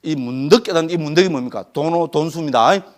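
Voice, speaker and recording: A man's voice: fairly high pitch, quick pace. A middle-aged Korean Buddhist monk with a Gyeongsang accent gives a sutra lecture and keeps asking his listeners rhetorical questions. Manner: punchy dramatic exclamations.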